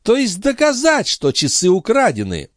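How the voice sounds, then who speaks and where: A man's voice: high voice, wildly swooping pitch, normal speed, no room sound, studio quality, voice pushed up. A man voicing a wily, sugary old female concierge who whines and protests indignantly. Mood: shrill indignant.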